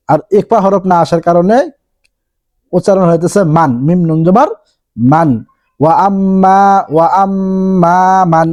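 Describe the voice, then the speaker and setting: Man, Bangladeshi Bengali accent, Quran teacher, slightly high voice, dry close sound. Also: darkish tone, dry recording. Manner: slow, drawn-out recitation between quick explanations. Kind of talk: spelling out Quranic recitation letter by letter.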